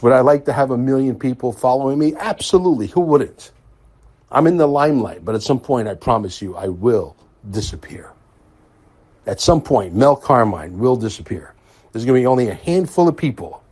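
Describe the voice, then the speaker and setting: A husky, slightly rough male voice delivering a casual podcast monologue. He talks emphatically, circling back to repeat key phrases for weight, pitched at an ordinary middle register. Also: a little mellow. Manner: emphatic, repeats himself for stress. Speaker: podcast host.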